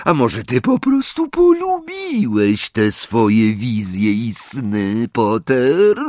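A man reading an audiobook, voicing a cold, menacing male professor who speaks quietly and slowly. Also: mid-range voice, very animated, dry recording, studio quality, voice pushed up. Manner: quiet, slow, threatening, sneering.

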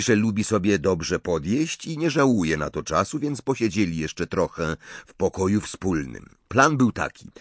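A man narrates an audiobook in a measured, expressive way. His voice is fairly low yet lively in pitch. The sound is dry and close. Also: no room sound. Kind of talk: scripted narration.

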